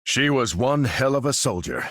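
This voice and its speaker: Captain America, a dynamic commanding soldier. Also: male voice, mid-range voice, lively intonation, moderate pace, a bit bright, no room sound, clean studio sound. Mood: grave, firm. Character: dutiful, resolute male soldier commanding a superhero team. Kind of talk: video game character voice lines.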